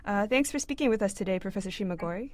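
A woman's voice: medium pitch, expressive, racing, darkish tone, no echo. Young woman interviewer, dry close sound. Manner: many "um" and "uh" fillers while asking questions. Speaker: interview host, graduate student. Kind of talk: scripted intro then interview questions. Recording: dry close mic with faint music.

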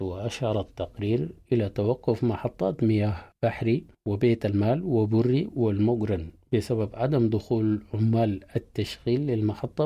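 A man's voice: mid-range voice, dark tone, husky. A man presenting a scripted news bulletin in a formal public radio host manner.

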